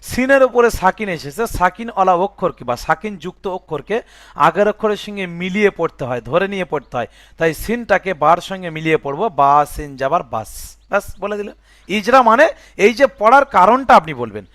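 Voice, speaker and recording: With lively intonation and a high, fairly bright voice, a man rapidly teaches Quran reading, spelling each word into its letters and vowel marks. He checks the student's grasp by asking "বুঝে আসছে?". The audio is studio quality without room sound.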